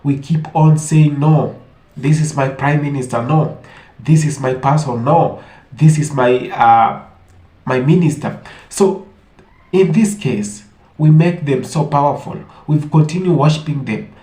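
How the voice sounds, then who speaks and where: A man from Africa with a fairly high, mellow voice offers opinionated online commentary at a slightly slow pace. He speaks emphatically, poses rhetorical questions, and sounds like he's in an echoey room.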